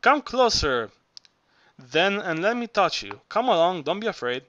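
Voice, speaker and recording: A man's voice: high-pitched, sing-song, unhurried, fairly bright tone, lo-fi sound, heavily acted. A man reading the part of a lecherous, half-blind grandfather of a hundred, coaxing and wistful.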